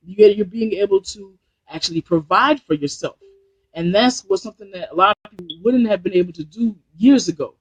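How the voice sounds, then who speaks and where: A New Jersey man with a high, husky voice talks a little fast, offering motivational business advice on a casual live stream. Heard through a Bluetooth headset with poor audio and no room sound, this online business trainer rambles, repeating and restarting phrases.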